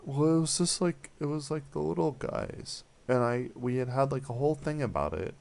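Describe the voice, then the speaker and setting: A man's voice: medium pitch, normal speed, creaky, a little mellow. A man making a prank phone call, rambling and apologizing in a flustered, mumbling way. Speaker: prank caller.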